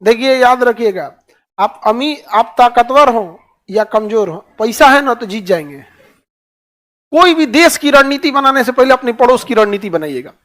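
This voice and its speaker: A man's voice: very high-pitched, expressive, normal speed, a bit bright. A man teaching a classroom lecture in colloquial Hindi with a Bihari accent, often asking his listeners rhetorical questions.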